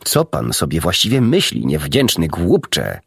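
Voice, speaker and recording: A man voicing an indignant, belligerent young man quick to anger. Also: rumbling low, huge pitch swings, creaky, a bit bright, breathy edge, no room sound, clean studio sound, exaggerated voice.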